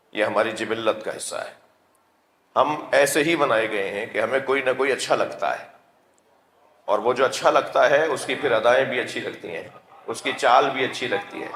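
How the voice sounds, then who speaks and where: A man preaching a sermon to a seated audience, with slow, drawn-out phrases. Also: mid-range voice, a bit bright. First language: Urdu. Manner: measured, drawn-out phrasing, calls the audience to recite salutations. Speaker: Shia religious scholar giving a majlis lecture. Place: gathering hall with an audience. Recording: echoey hall.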